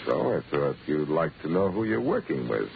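An actor playing a wry, assertive amateur sleuth in a 1940s radio drama. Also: male voice, a bass voice, big pitch swings, normal speed, gravelly, faint music behind, exaggerated voice. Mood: pressing, confident. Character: brisk, wisecracking adult male amateur sleuth. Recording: muffled old radio recording, hiss.

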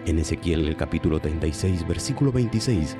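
Deep-voiced solemn radio narrator. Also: male voice, lively intonation, over music. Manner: solemn, measured. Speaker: program announcer and narrator. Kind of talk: scripted religious radio narration.

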